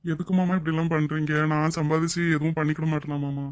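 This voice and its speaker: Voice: mid-range voice, level tone, quick pace, dry recording, close to an everyday voice. A voice actor playing a grateful young policeman and devoted younger brother in a cartoon drama, speaking in an earnest, emotional way. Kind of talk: Tamil cartoon drama voice acting.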